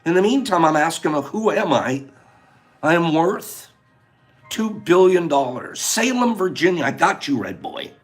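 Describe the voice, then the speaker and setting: Animated male livestream host. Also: on the high side, moderate pace, faint music behind. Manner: animated, chatty, reading out viewer names. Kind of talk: casual livestream chat.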